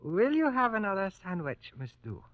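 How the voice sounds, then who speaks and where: Suave, arrogant colonel, grave wartime radio. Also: male voice, high voice, wildly swooping pitch, no room sound. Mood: courteous. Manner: formal, measured, condescending. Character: suave, arrogant Japanese colonel, polite captor. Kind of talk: 1940s radio acting, grave war drama. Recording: muffled old 1940s radio recording.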